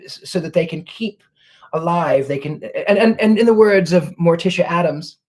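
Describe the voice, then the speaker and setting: A man with a slightly high voice hosts a casual livestream Q&A, answering viewer questions graciously and courteously and warmly thanking people. He's reflective, often pausing and restarting his sentences as he hunts for the right words.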